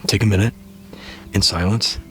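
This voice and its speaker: A man hosting a reflective conversation, speaking in a thoughtful, deliberate and halting way. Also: fairly low pitch, fairly even intonation, a bit bright, a little hiss or hum. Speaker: host. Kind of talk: reflective interview and casual musing.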